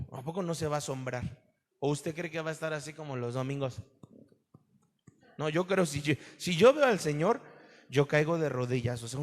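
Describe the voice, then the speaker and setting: Man preaching, fairly high voice, lively questions to the congregation, long hall reverb. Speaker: pastor. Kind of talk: sermon.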